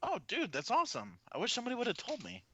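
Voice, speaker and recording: A man's voice: extremely high pitch, wildly swooping pitch, very fast, fairly bright tone, a little hiss or hum. A man guesting on a casual podcast, talking in a laid-back, friendly way. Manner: laid-back, friendly, says dude a lot.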